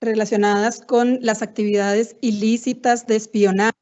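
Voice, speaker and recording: A woman presents in a mellow, measured way, working slowly through a list. Her words keep dropping out on a bad video-call connection, and the sound is muffled and lo-fi throughout. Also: fairly high pitch, little pitch movement. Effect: choppy, breaking-up video call audio. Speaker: webinar presenter. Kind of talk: formal online presentation. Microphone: computer mic on a video call. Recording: muffled, cutting-out internet call.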